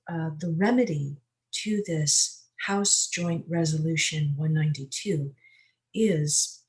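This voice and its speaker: Slow, halting online presenter. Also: medium pitch, a little mellow. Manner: slow, hesitant, many ums and uhs. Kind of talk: screen-share presentation.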